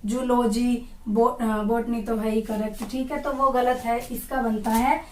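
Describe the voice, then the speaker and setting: A woman teacher giving an exam-prep lesson, asking questions and repeating each term slowly so students say it with her. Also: fairly high pitch, steady tone, a little hiss or hum. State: dry throat. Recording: echoey room, far from mic.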